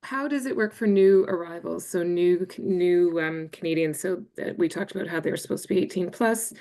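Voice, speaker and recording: A woman's voice: lowish voice, normal speed, warm tone. A woman interpreting questions into English for a meeting, hesitant and informal as she relays them.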